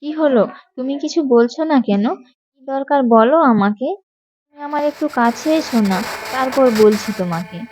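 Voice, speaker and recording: A woman's voice: high voice, moderate pace, a little mellow, slight background noise, close to an everyday voice. A woman voicing a small girl in a storybook tale, speaking in a plaintive, pleading way. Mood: wary. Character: small frightened little girl. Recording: muffled, with background music.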